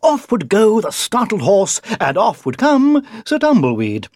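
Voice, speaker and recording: A storyteller reading a children's tale aloud in an expressive way, dropping into whispers for effect. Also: mid-range voice, measured pace, no echo, studio quality. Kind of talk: storybook narration.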